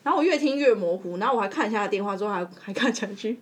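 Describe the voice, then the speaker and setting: A woman with a Taiwanese Mandarin accent, co-hosting a podcast and telling a story in a casual, animated way, laughing as she goes. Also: medium pitch, rapid-fire. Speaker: podcast co-host.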